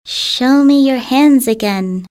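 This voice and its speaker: A small, kind male snake from a children's storybook speaks shyly and very slowly. His voice sits a little above a plain speaking voice, a woman reading aloud voicing him. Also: a little mellow. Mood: gentle. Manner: low, shy and slow.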